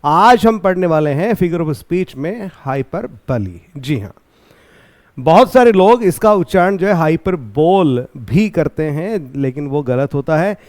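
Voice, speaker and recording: A man gives an exam-prep lesson. He explains slowly and repeats each point, then puts questions to his class and answers them himself. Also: a little high, expressive, darkish tone. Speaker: teacher.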